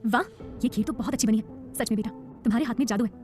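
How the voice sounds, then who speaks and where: A woman's voice: on the high side, fast talker, faint music behind, lightly acted. Figure: doting middle-aged mother, voiced by a woman. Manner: gentle, doting.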